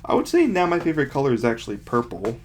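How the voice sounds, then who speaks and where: A young man speaks casually at an average pitch, as a vlogger would. He reads short bits aloud and picks them apart with mocking, self-deprecating commentary. His asides are dry and sarcastic. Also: huge pitch swings, fast talker, darkish tone, a little hiss or hum. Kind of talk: casual commentary, reading aloud from a childhood book.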